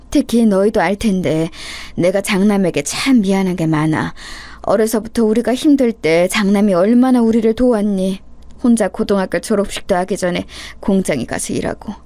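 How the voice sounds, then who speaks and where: A woman voicing a hurt, weary elderly mother in a storybook reading, speaking in a grave, measured way. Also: mid-range voice, mellow, no room sound, natural voice.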